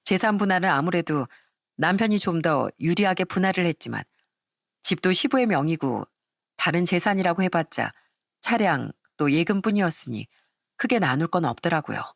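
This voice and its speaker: A woman narrating a first-person family drama story in a plain, measured way. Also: on the low side, expressive, gravelly, no room sound, clean studio sound.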